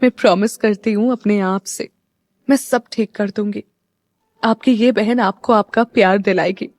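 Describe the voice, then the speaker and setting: A woman's voice: mid-range voice, steady tone, normal speed, a little mellow, no echo, close to an everyday voice. A woman narrator voicing a cheerful, playful young woman who teases her family and turns earnest about her brother. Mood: tender, resolute. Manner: bubbly and teasing, earnest when alone.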